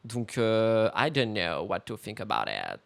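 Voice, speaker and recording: A man's voice: on the low side, wildly swooping pitch, measured pace, gravelly, a bit bright. A man hosting a casual live stream, reacting to celebrity news with campy, teasing, theatrical outbursts.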